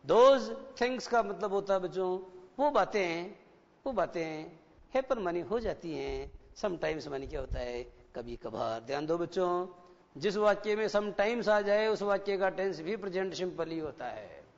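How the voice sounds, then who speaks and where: A man teaching an English class to schoolchildren, explaining slowly and asking them rhetorical questions. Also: sits high, animated. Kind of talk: classroom lecture. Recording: dull lo-fi broadcast with long reverb.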